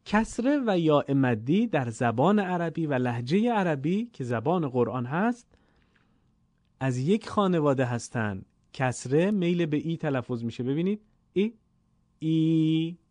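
A man's voice: on the high side, big pitch swings, a little mellow, no echo. A man with a Persian accent teaching Quranic Arabic vowel lengths, patiently drawing out each sound in a classroom-style lesson. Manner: patient, repeats sounds slowly and deliberately.

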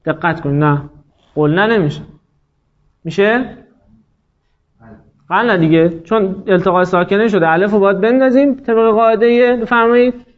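A man teaching an Arabic grammar class, patiently explaining rules, quizzing students and slowing down to dictate word forms. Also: high-pitched. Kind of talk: classroom lesson. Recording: dull lo-fi sound.

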